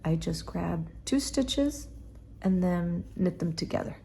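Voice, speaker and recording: A woman's voice: fairly low pitch, animated, slow, creaky, mellow, slight background noise. A woman giving a casual knitting tutorial, talking while she works and counting stitches under her breath.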